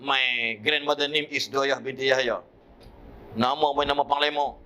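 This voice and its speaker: A male preacher with a Malaysian Malay accent delivering a mosque sermon through lively storytelling and acted-out voices. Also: mid-range voice, a little slow, slight background noise.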